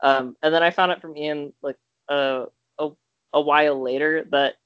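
With a slightly high, clear and resonant voice and fairly even intonation, a young podcast co-host rambles through a story at normal speed, full of fillers and false starts. The recording is muffled, with no room sound.

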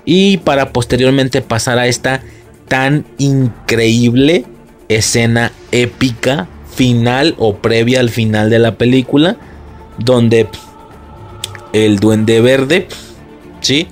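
A young adult man with a Mexican accent hosts a podcast and recaps a film in a casual, excitable monologue full of slang and swearing. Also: medium pitch, slow, faint music behind. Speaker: podcast host.

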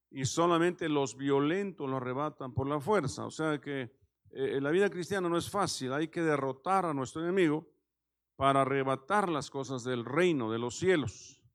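A pastor preaching a conversational sermon, often checking in with the congregation and pausing on fillers. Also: male voice, fairly high pitch. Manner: conversational, many "¿verdad?" tags and hesitations.

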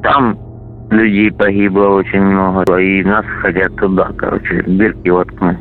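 A man's voice: deep voice, little pitch movement, normal speed. A man, a soldier, casually recounting things on a call heard over a radio intercept. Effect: heard over a radio or intercepted phone line. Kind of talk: casual storytelling on a phone call. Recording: tinny phone-like intercept, music laid over.

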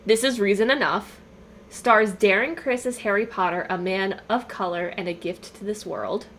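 A woman's voice: medium pitch, moderate pace, a little hiss or hum. Chatty woman reading out a fan list. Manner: animated, reads a list aloud, quotes lines in playful put-on voices. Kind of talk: casual chat.

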